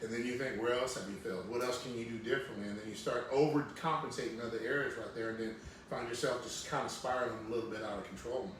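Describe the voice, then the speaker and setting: A man's voice: medium pitch, fairly even intonation, fast talker, a bit bright. A man speaking as a father, reflecting on his own failures in a regretful, self-critical way. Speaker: father of the guest. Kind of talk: reflective conversation. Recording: echoey room, distant mic, faint hiss.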